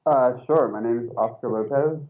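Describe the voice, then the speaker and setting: A guest writer originally from Mexico speaks with an American accent on a phone-in interview, his mid-range voice at a normal speed. He pauses to think, hesitates and leans on fillers, and the call sounds echoey and tinny.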